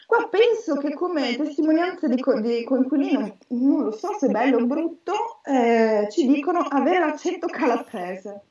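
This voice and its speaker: A woman's voice: high-pitched, expressive, a little slow, hardly any pauses, mellow. A woman in her thirties hosting a casual, jokey group chat and reading out listeners' contributions. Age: 30s. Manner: jokey, chatty. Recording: echoey, dull, distant mic.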